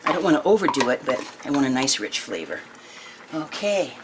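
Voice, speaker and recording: A woman in her sixties, hosting a home cooking video in casual chat, homey and chatty with many pauses and ums. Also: extremely low pitch, sing-song. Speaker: home cooking channel host. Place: home kitchen, indoors. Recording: noisy home kitchen recording. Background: clinking dishes and pans.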